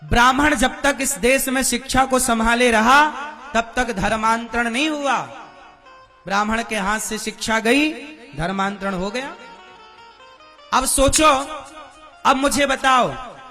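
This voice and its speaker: A man's voice: very high-pitched, a little slow, long pauses, pushed and bright, soft background music. A man preaching a devotional sermon to a live crowd, firing questions at the listeners and demanding answers. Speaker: religious preacher.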